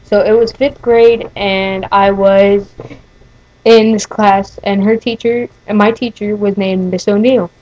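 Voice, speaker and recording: A woman's voice: medium pitch, fairly even intonation, measured pace, a little mellow, dull audio. A teenage-sounding woman telling a story casually over gameplay, rambling with many fillers and restarts. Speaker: gaming video host.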